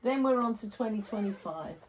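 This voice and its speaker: A woman's voice: a little high, expressive, brisk, darkish tone, slight background noise, rough recording. A woman with a British accent chatting casually as a vlog host, often repeating phrases for emphasis. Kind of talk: casual chat.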